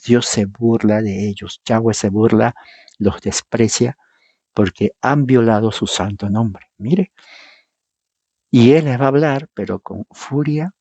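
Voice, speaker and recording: A man's voice: medium pitch, darkish tone, husky, no room sound. A man preaching a Bible teaching sermon, reading verses aloud and explaining them, emphatic and firing rhetorical questions at the congregation.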